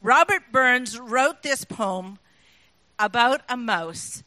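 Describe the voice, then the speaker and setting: A woman's voice: a little high, lively intonation, slow, pushed and bright, no echo. A woman giving an informal, chatty talk to listeners, explaining things and often putting questions to them. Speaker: speaker addressing an audience. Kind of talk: informal talk explaining sayings, with recited examples.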